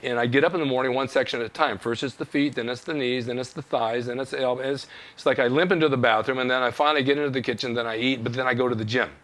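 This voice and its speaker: A man's voice: medium pitch, fairly even intonation, rapid-fire, fairly bright tone. An older man hosting a fitness talk show, telling folksy stories and giving motivational tips. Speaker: host. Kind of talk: casual chat.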